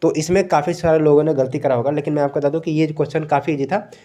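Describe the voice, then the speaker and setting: A man's voice: on the high side, fast talker. A young man, casually going over exam questions as a coaching teacher and often repeating a filler phrase. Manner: relaxed, repeats "thik hai" often, mixes in English words. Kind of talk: casual explanatory lecture.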